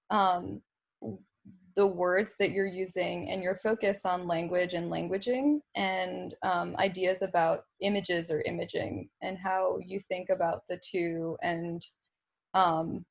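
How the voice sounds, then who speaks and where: A woman with a medium-pitched voice and vocal fry hosts a casual podcast conversation. She asks long, rambling, hesitant questions packed with fillers and restarts.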